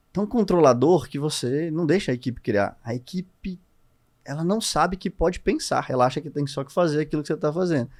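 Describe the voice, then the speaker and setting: A man with a Brazilian accent, a guest on a podcast, explaining ideas in an animated, expressive conversational way. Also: on the high side. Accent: Brazilian Portuguese. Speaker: guest entrepreneur.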